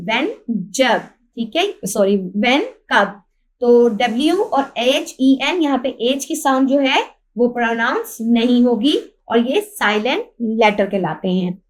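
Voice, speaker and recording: Pakistani lady teacher, high voice, asks and answers her own questions as she goes. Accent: Pakistani Urdu. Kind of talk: lesson explaining a textbook.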